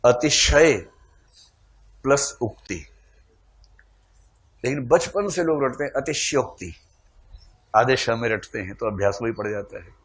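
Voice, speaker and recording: A man teaching a classroom lecture, animated, quizzing the class with questions. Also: medium pitch, normal speed.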